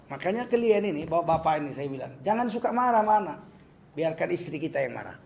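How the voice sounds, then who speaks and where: With a fast pace, a fairly high pitch and some vocal fry, this older male preacher from Medan, Indonesia, jokes his way through a religious talk. His Medan Indonesian accent colors the animated delivery, and he acts out each quoted voice.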